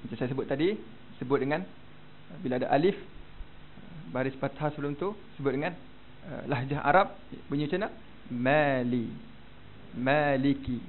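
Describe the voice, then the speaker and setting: A Malaysian man teaching Quran recitation in a slightly high voice. He models the Arabic words and then has the class repeat them back to him. The recording is tinny and phone-like, with a faint hiss underneath. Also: fairly quick, long pauses. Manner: demonstrates Arabic pronunciation, prompts students to repeat. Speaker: religious teacher. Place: prayer hall.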